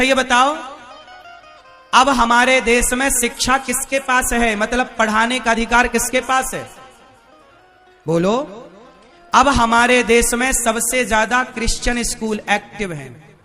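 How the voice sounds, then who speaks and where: A man's voice: extremely high pitch, pushed and bright. A man preaching a devotional sermon to a live audience, who keeps asking his listeners rhetorical questions. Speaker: religious preacher.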